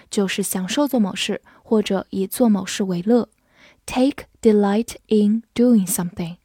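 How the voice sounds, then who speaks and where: A woman who is a native Chinese speaker, teaching English vocabulary, calmly explaining and spelling words letter by letter, with slow read-alongs. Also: a little high, no room sound, clean studio sound.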